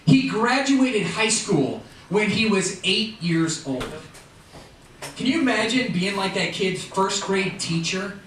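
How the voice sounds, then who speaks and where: High-voiced stand-up comic in echoey room. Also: male voice. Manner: animated, acts out characters in quick voices. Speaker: stand-up comedian. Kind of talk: stand-up routine. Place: live comedy venue. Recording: echoey distant live room mic with noise. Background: audience laughter.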